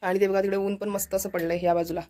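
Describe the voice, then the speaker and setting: Fast-talking chatty woman vlogger. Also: medium pitch, little pitch movement, dark tone, slight background noise. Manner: chatty, walks about showing the house. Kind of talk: casual vlog chat. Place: village home, indoors and out.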